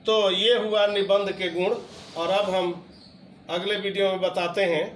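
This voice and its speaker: A man's voice: sits high, little pitch movement, measured pace, fairly bright tone. A man teaching a video lesson, explaining patiently and stressing each example word. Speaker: Hindi teacher. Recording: echoey room with faint background noise.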